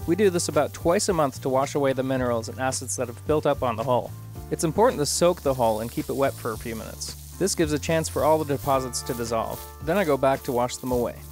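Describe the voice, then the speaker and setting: Calm male host narrator, thirties, even mid-range voice, light music behind. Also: medium pitch, fast talker. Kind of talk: scripted voice-over narration.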